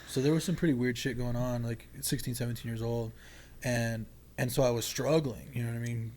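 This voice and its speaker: A man's voice: medium pitch, steady tone, a little fast, darkish tone, slight background noise. A young man sharing his story as a podcast guest, casual and candid, rambling with lots of filler and swearing. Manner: rambling, heavy use of "like" and swearing.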